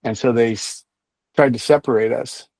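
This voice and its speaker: Man, podcast guest, business owner, casual storytelling, acts out quoted dialogue, mid pitch. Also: fairly even intonation, moderate pace, darkish tone, dry recording.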